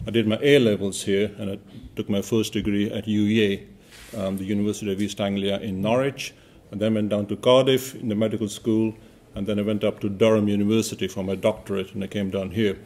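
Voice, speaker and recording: Low-voiced, measured male lecturer. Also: level tone, darkish tone. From Uganda. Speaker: senior lecturer. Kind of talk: panel discussion answers.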